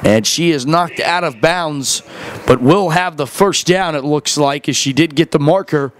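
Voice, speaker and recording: A man's voice: a little high, slight background noise. A man doing conversational play-by-play sports commentary. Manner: conversational play-by-play, quick calls.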